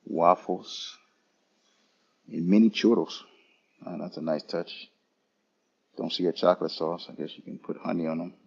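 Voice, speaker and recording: A man live-streaming a relaxed walkthrough of an airport lounge, chatting casually to viewers as he points things out. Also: low voice, gravelly, husky, lo-fi sound. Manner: casual, unhurried, talking to chat viewers. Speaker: travel vlogger.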